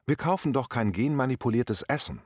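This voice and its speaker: A man's voice: mid-range voice, animated, fairly quick, breathy edge, no room sound, studio quality. A man reading out the lines of an indignant party guest who answers curtly and dismissively. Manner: curt, dismissive. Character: indignant adult party guest, curt and disapproving.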